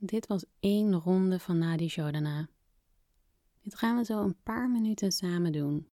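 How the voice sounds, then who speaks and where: Soft, mellow woman guiding relaxation. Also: fairly low pitch, normal speed, no room sound, clean studio sound. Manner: gentle, calm, instructional, with breathy near-whispered phrase endings. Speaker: podcast host and breathing exercise guide. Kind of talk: soft, soothing guided relaxation narration.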